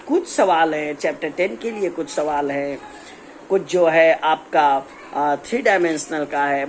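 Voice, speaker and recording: Chatty Indian maths teacher. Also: male voice, fairly high pitch, a little hiss or hum. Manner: chatty, teasing, voices students' questions himself. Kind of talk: casual exam-prep lesson.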